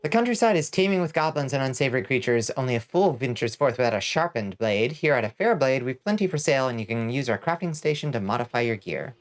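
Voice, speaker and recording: A man's voice: mid-range voice, sing-song, quick pace, hardly any pauses, lightly acted. A man voicing a hearty fantasy game blacksmith with folksy sales patter. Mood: folksy, inviting. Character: hearty blacksmith shopkeeper pitching blades and old armor. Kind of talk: fantasy video game character read aloud.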